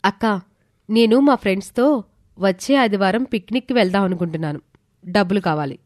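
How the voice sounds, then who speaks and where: A woman voicing a lively, defiant teenage younger sister in an audio story, sharp-tongued and petulant. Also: medium pitch, fairly quick, no echo, clean studio sound, close to an everyday voice.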